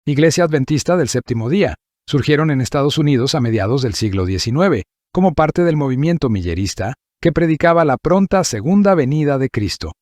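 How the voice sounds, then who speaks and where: Male narrator, somewhat high voice, steady list-like scripted read, dry booth sound. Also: dry recording. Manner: measured, list-like reading.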